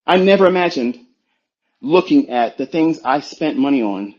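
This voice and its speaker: A man's voice: a little high, animated, moderate pace, lo-fi sound. A man coaching traders in a blunt, preachy, profane motivational talk on a live audio space. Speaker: trading coach.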